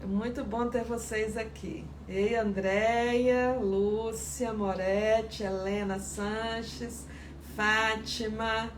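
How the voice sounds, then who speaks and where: A woman's voice: a little high, steady tone, slow. A woman teaching sourdough on a live stream, chatty and greeting viewers by name. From Espírito Santo, Brazil. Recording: echoey room with faint background noise.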